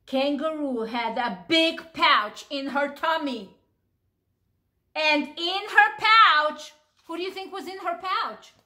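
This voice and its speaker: A woman teacher reading a story aloud to young children, animated and asking them questions as she goes. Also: sits high, slow pace.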